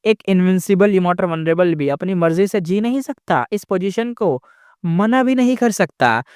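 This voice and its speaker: A defiant young male immortal, worn down by grief, speaks with quiet, bitter stubbornness, as a storyteller puts him on. His voice sits fairly high for a man. The sound is dry and close, with no room echo. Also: animated, normal speed, clear, resonant tone.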